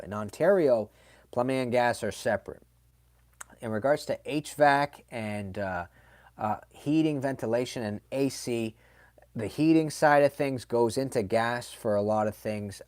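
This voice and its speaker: A man hosting a casual livestream and answering chat, talking in a chatty, animated way with slangy asides and plenty of fillers. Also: on the low side, dry recording, studio quality.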